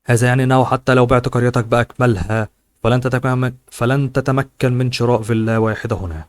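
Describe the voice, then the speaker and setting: A man's voice: medium pitch, fairly even intonation, fast, no echo, natural voice. A man voicing a mocking, arrogant rich relative in an audiobook. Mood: sneering. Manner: sneering, mocking.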